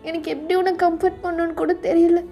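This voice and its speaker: A woman's voice: very high-pitched, flat delivery, quick pace, highs cut off. Woman voicing a caring pleading younger sister. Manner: comforting, pleading. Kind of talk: fan audio drama. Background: soft music.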